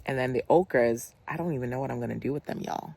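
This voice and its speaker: A gardening channel host chatting excitedly to viewers while planting in a backyard garden. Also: medium pitch, fast talker, creaky. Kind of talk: casual gardening vlog.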